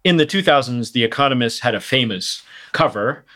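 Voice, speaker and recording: A man's voice: medium pitch, expressive, brisk, bright, forceful tone. A man in his forties with a Brazilian Portuguese accent, a guest economics professor answering interview questions thoughtfully, with many "uh"s and "right?"s.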